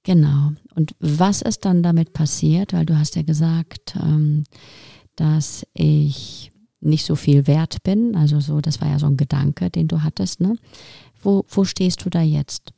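A woman's voice: low-pitched, steady tone, a little slow, vocal fry, mellow, no room sound, clean studio sound. A woman hosting a podcast, asking reflective questions and giving frequent backchannels. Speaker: podcast host. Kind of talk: interview conversation.

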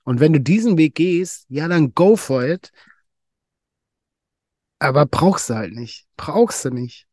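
A man's voice: fairly high pitch, animated, takes it slowly, long pauses, darkish tone, no echo, clean studio sound. A man hosting a solo podcast monologue, emphatic and blunt, swearing freely and repeating phrases for effect. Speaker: podcast host.

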